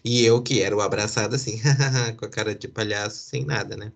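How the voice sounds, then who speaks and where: A man's voice: lowish voice, steady tone, fast, creaky. A young man, casually telling a personal story with lots of fillers and asides. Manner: chatty, many fillers and asides, occasional laughs.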